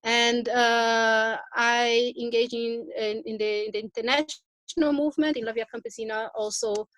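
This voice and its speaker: A woman from Brazil introducing herself on an online panel, halting and searching for words. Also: fairly high pitch, a bit bright, no echo. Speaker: panelist, beekeeper. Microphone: video call.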